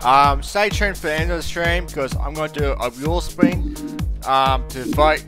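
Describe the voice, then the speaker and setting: A streamer welcoming viewers and chatting loosely about the stream, rambling and breaking into excited shouts. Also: mid-range voice, moderate pace. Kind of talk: casual gaming stream chat. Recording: loud game music behind.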